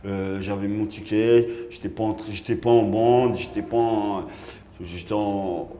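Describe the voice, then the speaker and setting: A man's voice: lowish voice, measured pace, muffled recording. Slangy man telling a story in an echoey room. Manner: animated, slangy, acts out dialogue. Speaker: rapper telling a personal story. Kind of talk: casual spoken storytelling. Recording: echoey room with faint ambience.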